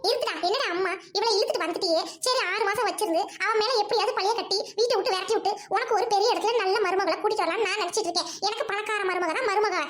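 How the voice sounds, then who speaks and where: A cruel, scheming rich mother-in-law, acted by a woman in a family skit. She yells insults and mocks in a very high, piercing voice, firing her words off quickly. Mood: ranting. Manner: shouting, insulting, mocking laughter.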